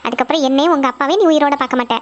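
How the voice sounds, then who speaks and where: A woman's voice: sits high, very fast, dull audio, natural voice. A woman voicing a strict middle-aged mother, scolding and lecturing her daughter.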